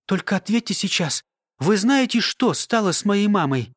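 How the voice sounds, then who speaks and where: A man's voice: high voice, animated, moderate pace, no echo, voice pushed up. Man doing a young woman, earnest, keeps asking stuff, audiobook, dry close sound. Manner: earnest, questioning. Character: eager young woman, a granddaughter.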